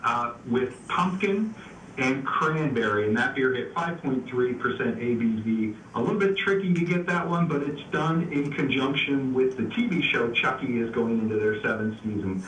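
A man's voice: medium pitch, animated, normal speed, fairly bright tone. A man giving beer news on a casual radio chat. He has an easygoing manner and keeps stopping for "uh" and fresh starts. He sounds distant and roomy over a remote line, with faint noise behind him. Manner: easygoing, explains with frequent "uh" and restarts. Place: remote call into a radio show.

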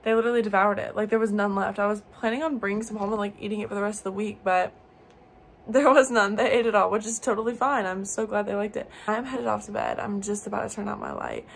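Holding her phone at arm's length in a car and then a bedroom, a twenty-year-old woman vlogs in a cheerful, chatty way, leaning heavily on fillers. Her voice is fairly high and creaky, with slight background noise.

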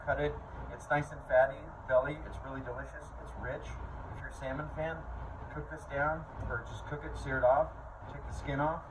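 A man explains a kitchen task in a loose, casual way, full of fillers and asides. He sits at a middle pitch. He sounds a little far from the camera, with clear kitchen noise behind him. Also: fairly even intonation, moderate pace. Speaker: chef. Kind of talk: kitchen cooking tutorial. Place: commercial kitchen. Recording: distant mic with kitchen noise.

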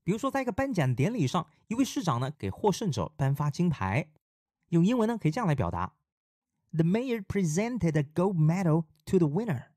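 A man from China teaching an English vocabulary lesson in a lively, explanatory way, mixing in English example sentences. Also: fairly high pitch, a little fast, no echo, studio quality.

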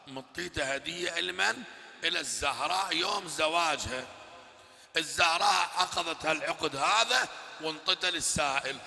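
Gravelly, bright-voiced Iraqi preacher. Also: male voice, on the high side. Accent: Iraqi Arabic. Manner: dramatic storytelling, swings between shouting and hushed. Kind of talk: Shia mourning sermon. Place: husayniya hall. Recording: long reverb in a large hall.

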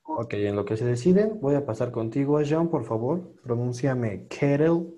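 Patient male pronunciation teacher, mellow voice. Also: medium pitch, animated, slight background noise. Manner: patient, repeats sounds slowly and stresses them. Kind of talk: online class, coaching students one by one.

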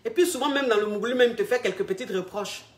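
A woman's voice: fairly high pitch, fast. Emphatic woman coach in echoey room. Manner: repetitive, emphatic, rhetorical questions. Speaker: relationship coach. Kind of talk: monologue to camera.

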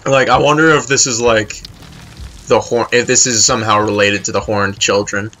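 Bright-voiced man chatting through a game. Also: lowish voice, steady tone, normal speed. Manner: chatty, swears freely, talks to the game character. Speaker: let's play host. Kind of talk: casual gameplay commentary.

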